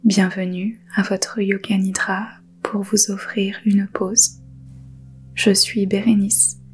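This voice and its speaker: A woman with a mid-range voice leads a yoga nidra guided meditation in a soft, breathy half-whisper. Her tone is calm and soothing, and she leaves unhurried pauses.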